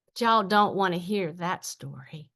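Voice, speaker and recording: Woman, poetry reading, earnest and emotional, slow pace. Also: fairly low pitch, lively intonation, fairly bright tone. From southeastern Ohio. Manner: earnest, apologetic, emotional between poems. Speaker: poet.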